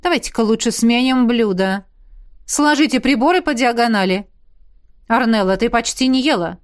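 A woman's voice: on the high side, moderate pace, pitched above the performer's own voice, lightly acted. Roderick, a curt protective nobleman, read by a woman. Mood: firm. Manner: curt, categorical.

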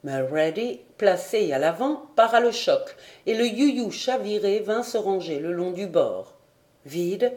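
A woman reading a classic adventure novel aloud in a clear, measured narration. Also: medium pitch, lively intonation, darkish tone. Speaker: audiobook reader. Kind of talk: scripted narration.

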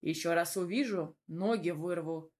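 A man's voice: fairly high pitch, measured pace. A woman reading a blunt, teasing young man in an audiobook. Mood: gruff. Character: teasing, possessive young man, the heroine's lover.

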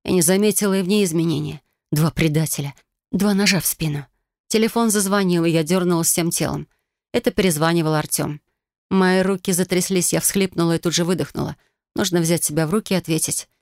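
A woman's voice: fairly low pitch, a little fast, a little mellow, no echo, studio quality. A woman narrating a first-person audiobook in an emotional, dramatic reading style.

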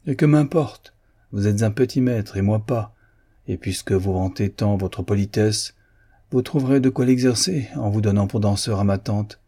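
A man's voice: on the low side, moderate pace, mellow, slightly rough. A man reading a proud young woman's lines in a period novel, speaking firmly and coolly, with dignity. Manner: firm, cool, dignified.

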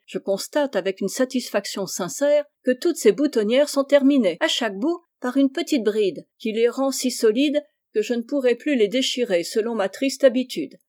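Woman narrator as a genial doctor uncle and ex-sailor; gentle, mock-solemn teasing, storybook reading. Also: a little high, natural voice. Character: kindly doctor uncle, old sailor, playful.

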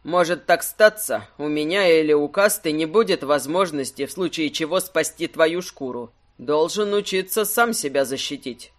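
A man voicing an easygoing, wry male rogue adventurer in an audiobook, speaking low and unhurried. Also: lively intonation, natural voice.

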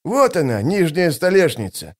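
A man's voice: fairly high pitch, huge pitch swings, moderate pace, voice pushed up. A man narrating an audiobook, voicing an irritable, hot-tempered male army mage. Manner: snappy, irritable.

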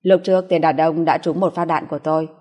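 Woman reading cold terse male bodyguard, curt, low, husky, long reverb. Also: flat delivery, fast talker, a little mellow. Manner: curt, detached.

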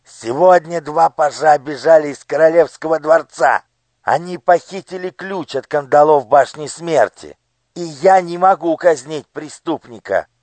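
A man voicing a cruel male minister with a squeaky, shrill voice in an audiobook. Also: measured pace, no echo, natural voice. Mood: furious. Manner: menacing, shouting threats. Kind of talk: audiobook character voice.

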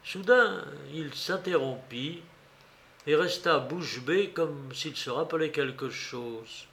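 A man narrating a classic adventure story for radio in a measured, deliberate way. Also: fairly high pitch, sharp tone. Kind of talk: scripted literary narration for radio.

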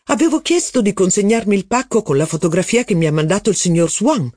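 A man's voice: high-pitched, expressive, fast talker, a little mellow, no echo, clean studio sound, voice pushed up. A man voicing an imperious, demanding aristocratic duchess in an audiobook. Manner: imperious, commanding servants.

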